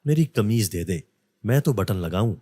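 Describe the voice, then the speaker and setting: A man's voice: fairly low pitch, lively intonation, normal speed, mellow, no room sound. Guy doing a lazy grumbly husband, shrugs everything off, dry close sound. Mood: grumbling. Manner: grumbling, dismissive. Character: lazy, indifferent middle-aged beggar husband.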